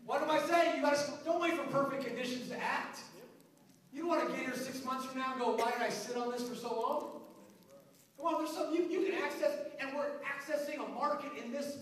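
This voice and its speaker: A fiery man delivers a motivational speech like a preacher, his voice pitched very high. He is recorded from a distance in a big hall, and the sound booms with a long echo. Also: fairly even intonation, quick pace, fairly bright tone. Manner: fiery, preacher-like call and response. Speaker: motivational speaker. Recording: echoey hall, far from the mic.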